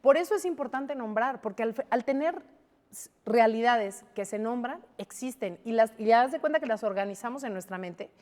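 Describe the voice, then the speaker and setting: A Mexican woman in her forties speaks with a fairly high, animated voice, throwing out rhetorical questions as she makes her case. Her words ring with a long reverb, as if she were in a large, echoing studio. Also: moderate pace. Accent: Mexican Spanish. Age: 40s. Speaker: guest. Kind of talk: studio debate chat.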